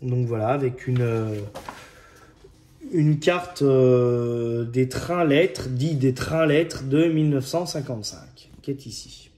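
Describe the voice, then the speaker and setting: A man's voice: mid-range voice, slow pace, dark tone. A man casually presenting model kit issues, hesitant and chatty, with frequent fillers and restarts. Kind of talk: casual hobby video narration.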